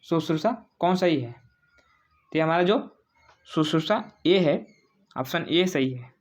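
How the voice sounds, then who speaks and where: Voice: mid-range voice, takes it slowly. A teacher walking through exam spelling questions, asking the viewers and then answering, repeating each word several times. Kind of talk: exam-prep quiz walkthrough.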